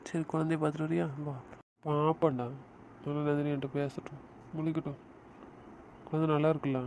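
A man's voice: on the high side, creaky, a little mellow, slight background noise. A man voicing both friends in an emotional audio drama, talking in a comforting and pleading way.

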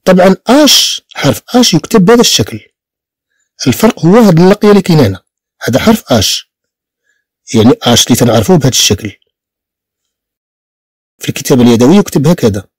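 A man's voice: a little high, sing-song, no room sound, clean studio sound. A man with a Moroccan Arabic accent teaching a beginner French lesson, spelling out letters and repeating each sound patiently. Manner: slow, repetitive spelling-out of sounds.

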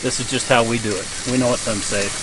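A man's voice: mid-range voice, fast talker, background noise. A middle-aged man camping in a tent at night, casually walking viewers through cooking a steak step by step. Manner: relaxed, talks viewers through each step. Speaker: camping vlogger, dad. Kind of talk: casual how-to narration while cooking. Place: inside a small heated tent at night. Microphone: camera on the table, headlamp on.

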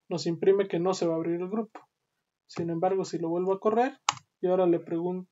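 Woman teacher walking thru code, kinda low voice, muffled lo-fi sound w typing noise. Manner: explanatory, frequent checking "¿sí?", "¿no?". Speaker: university programming teacher. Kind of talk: screen-recorded coding lesson. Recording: dull lo-fi audio with clear background noise and keyboard typing.

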